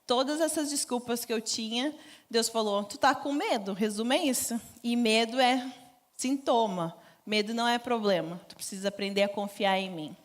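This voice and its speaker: A woman's voice: fairly high pitch, moderate pace. A woman giving a conversational church mission talk, informal and laughing often. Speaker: missionary speaker. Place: church stage.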